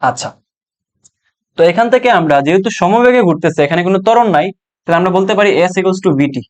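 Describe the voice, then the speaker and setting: Young male physics tutor with a high voice, casual and jokey, keeps checking that students follow. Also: lively intonation, quick pace, darkish tone. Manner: explains step by step, often checks understanding with "ঠিক আছে?"; colloquial, jokes to students. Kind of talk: online exam-prep lesson.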